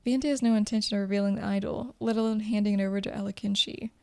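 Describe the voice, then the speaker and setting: A woman's voice: medium pitch, steady tone, quick pace, gravelly, warm tone. A woman reading a video game story aloud as dramatic narration. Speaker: gameplay commentator and narrator.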